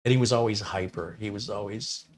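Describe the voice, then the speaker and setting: A man's voice: lowish voice, steady tone, a little fast. A middle-aged man hosting a live stream, chatting casually and rambling through stories, acting out the lines he quotes in different voices. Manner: rambling storyteller who acts out quotes in voices. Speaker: live stream host reading chat. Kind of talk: casual chat.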